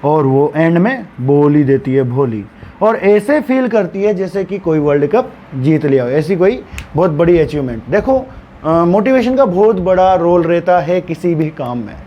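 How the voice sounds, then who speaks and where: A man's voice: on the high side, animated, moderate pace, muffled recording, slight background noise. A male teacher retelling a story for students, acting out the characters' stammering and dialogue as he explains.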